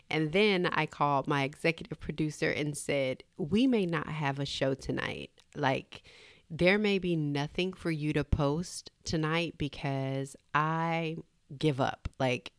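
A woman's voice: low voice, smooth, no room sound, studio quality. A woman hosting a motivational podcast solo, chatting expressively and personally, straight to her listeners as if to friends. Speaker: podcast host.

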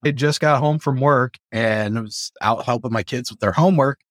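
A man's voice: mid-range voice, normal speed, no room sound, studio quality. A man who keeps parrots chatting casually in a group and acting out little quotes as he tells stories. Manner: animated storyteller, acts out quotes. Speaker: parrot owner.

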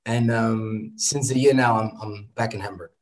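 A man from Germany, answering interview questions as a guest artist, relaxed and hesitant. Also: on the low side, moderate pace, rough recording. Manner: hesitant, relaxed, many ums.

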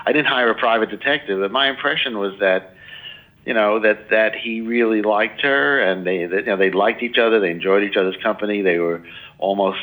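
A man's voice: on the low side, a bit bright, rough recording. A man in his sixties, a biographer answering interview questions in a loose, rambling way full of "you know" and restarts. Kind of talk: casual interview talk.

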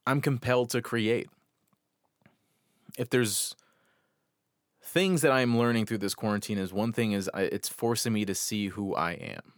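Low-voiced American man podcasting from a closet. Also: no echo. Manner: halting, earnest, pausing between short phrases. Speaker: podcast host. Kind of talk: reflective solo podcast monologue. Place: small bedroom closet. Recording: close, dry closet recording.

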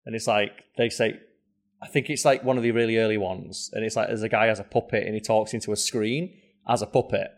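A man co-hosting a podcast in casual chat, animated and swearing, his voice jumping up when he mimics people. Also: a little fast. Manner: animated, swearing, pitch jumping up in mock quotes. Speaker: podcast co-host.

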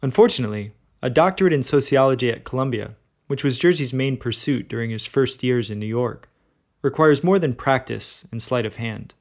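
A man's voice: medium pitch, brisk, darkish tone. A man co-hosting a podcast, reading a scripted narration in a wry, conversational way. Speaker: podcast host, bookseller.

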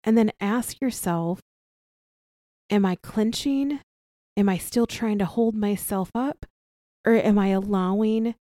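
A woman guides a somatic relaxation practice in a soft, soothing way. Her pace is very unhurried and her tone is mellow and relaxed. She leaves long pauses between gentle instructions, in a dry, intimate recording. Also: mid-range voice, no echo.

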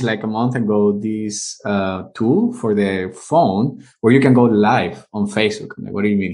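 Low-voiced man telling his story in an interview. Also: darkish tone. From Venezuela. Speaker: guest, live streaming business owner. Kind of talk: casual interview talk.

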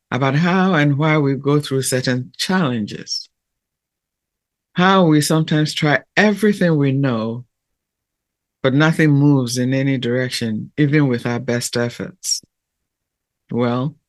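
A man speaking in a gentle, measured and deliberate way, with long pauses, as he hosts a reflective talk and guided meditation. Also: mid-range voice. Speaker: podcast host and meditation guide.

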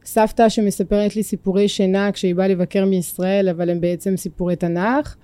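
A woman's voice: mid-range voice, fairly even intonation, mellow, clear, resonant tone, no room sound. A woman from France with a French accent in Hebrew, a native French speaker, talking reflectively as a podcast guest and searching for her words. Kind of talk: reflective personal interview.

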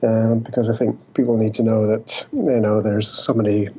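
British man, guest on a breaking-up remote call, dull lo-fi audio, mellow husky voice, hesitant. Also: lowish voice, flat delivery, moderate pace. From Britain. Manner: hesitant, many fillers. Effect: breaking-up remote call connection. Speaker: podcast guest, addiction researcher. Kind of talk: casual remote interview. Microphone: remote call mic.

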